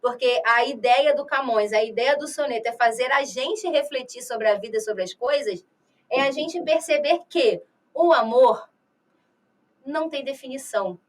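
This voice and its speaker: High-voiced Brazilian woman teaching literature. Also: far from the mic. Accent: Rio de Janeiro Portuguese. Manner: explanatory, asks rhetorical questions, frequent "né?" and "tá?"; slow, drawn-out reading of verses. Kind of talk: recorded exam-prep lecture.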